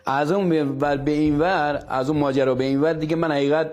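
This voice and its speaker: Higher-voiced man telling a story emphatically. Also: steady tone, a little mellow, lo-fi sound, faint music behind. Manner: emphatic, repeats phrases. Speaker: storyteller guest. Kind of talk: animated storytelling.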